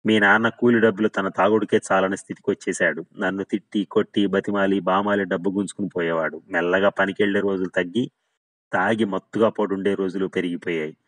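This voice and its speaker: A man's voice: low-pitched, flat delivery, brisk, a bit bright, dry recording, poor audio. A man voicing a weary older village mother. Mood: sorrowful.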